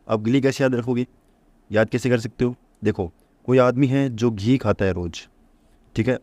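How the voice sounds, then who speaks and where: In a dry recording, a man with a medium pitch and a little mellowness runs an exam-prep vocabulary lesson. He asks the listener rhetorical questions and answers them himself. He also repeats each memory trick to drill key points.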